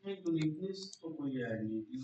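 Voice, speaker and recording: A man in a class slowly asks a hesitant question, recorded from a distance. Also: a little high, expressive, muffled recording, background noise. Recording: roomy, distant from the mic.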